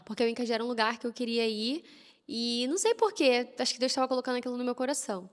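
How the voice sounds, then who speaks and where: Fast-talking woman in a reverberant room. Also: on the high side. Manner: animated, lively retelling with quoted prayers and laughs. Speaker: guest telling a personal testimony. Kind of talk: casual conversational storytelling.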